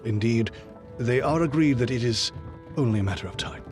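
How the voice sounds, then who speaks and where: A man playing a loyal, kindly Victorian doctor in an audio drama, speaking in a genteel, old-fashioned and expressive way. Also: medium pitch, a little fast, music in the background, natural voice. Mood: subdued, resigned.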